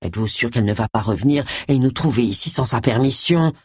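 Narrator puts on a worried older man for an audiobook mystery, deeper and wary, husky, close and dry. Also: very animated, moderate pace, dry recording. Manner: hesitant, apprehensive. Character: older male friend, cautious and worried.

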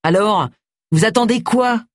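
Narrator putting on a surly big blacksmith, pushed up high and loud, contemptuous, dry close audiobook sound. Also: unhurried, dry recording, lightly acted. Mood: hostile. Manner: coarse, snapping, contemptuous. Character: gruff hulking village blacksmith man, hostile. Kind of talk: audiobook character voice.

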